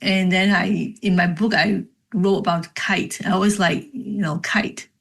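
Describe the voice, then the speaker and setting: Middle-aged woman from Cambodia, gravelly edge, reflective storyteller, casual interview guest. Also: medium pitch, steady tone, unhurried. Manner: reflective, storytelling with frequent fillers. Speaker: author and podcast guest.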